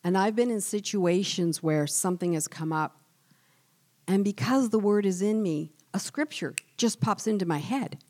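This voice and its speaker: A woman giving a devotional church teaching in an earnest, measured way, often dropping softer on key words. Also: medium pitch. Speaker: church speaker.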